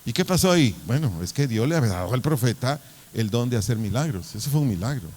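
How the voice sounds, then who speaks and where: A man's voice: medium pitch, expressive, quick pace, darkish tone. A man preaching a sermon as pastor, in a conversational way, asking his listeners questions and answering them himself.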